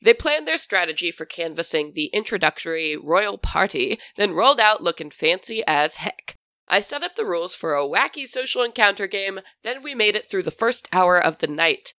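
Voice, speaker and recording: A woman hosts a podcast in a chatty, informal manner. Her voice is bright and crisp in a dry, close recording. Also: mid-range voice, sing-song, moderate pace, no echo. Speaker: podcast host and game master. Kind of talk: informal scripted podcast announcements and hosting.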